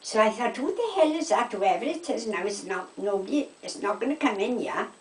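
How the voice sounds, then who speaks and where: An older woman from the South Wales Valleys tells gossipy stories at home, animated, acting out who said what and checking in with "right?". Her voice is on the high side and fairly quick, and she sits some way from the mic in an echoey room.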